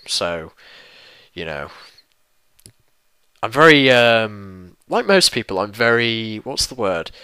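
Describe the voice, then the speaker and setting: Young guy rambling thru a q&a, lowish voice, bright edge, swears a lot, laughs at himself. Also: clean tone, dry recording, poor audio. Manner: chatty and self-deprecating, swears freely, stumbles and restarts. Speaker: YouTube let's play host answering viewer questions. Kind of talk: casual rambling Q&A.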